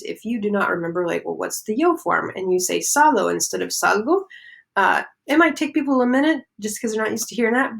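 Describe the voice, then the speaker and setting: Female teacher, mid-pitched with a touch of fry, patient step-by-step classroom explainer. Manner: many fillers, explains step by step. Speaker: Spanish teacher. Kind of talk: classroom lecture.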